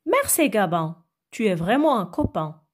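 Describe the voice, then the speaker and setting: A woman reading the lines of a tired, hungry young schoolboy in a storybook text, softly and wearily. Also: mid-range voice, big pitch swings, measured pace. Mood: grateful.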